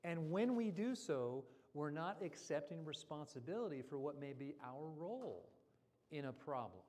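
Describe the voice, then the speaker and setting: A man's voice: on the high side, normal speed. A man speaking at a church seminar in a conversational teaching style, now and then acting out quoted voices. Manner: animated, acts out quoted voices. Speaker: guest speaker. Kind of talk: seminar talk. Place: church hall.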